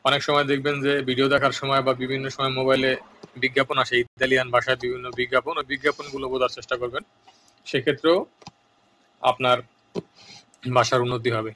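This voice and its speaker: A man teaching a vocabulary lesson, saying each word twice in slow, deliberate drills with earnest advice between lists. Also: mid-range voice, level tone, pushed and bright, a little hiss or hum. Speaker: language teacher.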